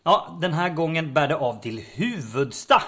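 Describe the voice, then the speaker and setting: A man's voice: a little high, big pitch swings, a bit bright. A man from co-hosting a podcast, presenting a prepared segment with dry, wry jokes. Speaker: podcast co-host. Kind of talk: casual chat, prepared segment.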